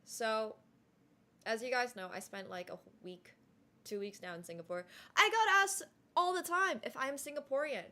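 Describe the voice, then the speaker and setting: A young woman whose first language is Mandarin chats casually on a live stream, thanking viewers, dropping "like" often and quickly restarting sentences. Her voice is on the high side, expressive, pushed, and bright.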